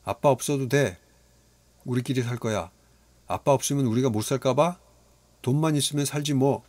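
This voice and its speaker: A man voicing a jealous, sulky schoolboy who whines and yells, in a storybook reading. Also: on the low side, moderate pace, no echo. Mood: yelling. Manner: whiny, yelling.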